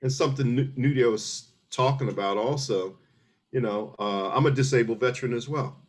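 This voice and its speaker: Speaking briskly in a medium pitch, this middle-aged man from Philadelphia, USA, is an army veteran being interviewed in a relaxed conversation. He comes across as earnest, walking through explanations step by step with many restarts.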